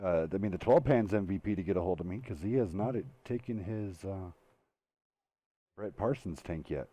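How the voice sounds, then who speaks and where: Relaxed male host of a tank match show. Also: low-pitched, normal speed, dry recording. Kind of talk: esports commentary.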